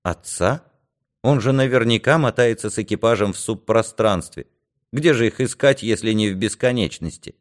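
A man reading aloud, voicing a teenage boy who calmly and firmly insists on leaving. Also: fairly low pitch, normal speed, close to an everyday voice. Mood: stubborn. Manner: firm and calm, set on leaving. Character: stubborn, quietly determined teenage boy.

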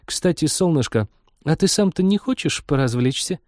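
A man's voice: on the high side, animated, normal speed, darkish tone, no echo, studio quality, voice pushed up, natural voice. A man voicing a flirty female ship AI who talks in a teasing, sugary way. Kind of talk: audiobook character voice.

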